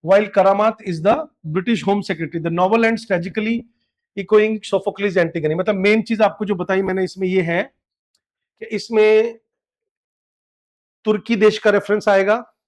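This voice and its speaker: A middle-aged Indian man giving an exam-prep literature lecture, explaining step by step and reading English quotes slowly. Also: sits high. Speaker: literature teacher.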